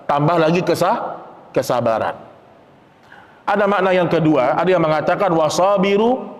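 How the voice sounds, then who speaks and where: A man preaching a casual sermon in a mosque. He talks to the men as "Pak" and acts out a child's whining pleas. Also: on the high side. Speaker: Islamic preacher. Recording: long reverb of a mosque hall.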